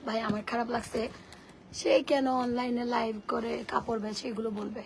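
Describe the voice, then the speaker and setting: A hoarse woman hosting a casual live sale, her voice worn and gravelly from shouting. She speaks in a slightly high register and chats bluntly to her viewers. The stream audio carries a clear layer of background noise. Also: little pitch movement, normal speed. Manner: chatty and blunt, reads viewer comments aloud.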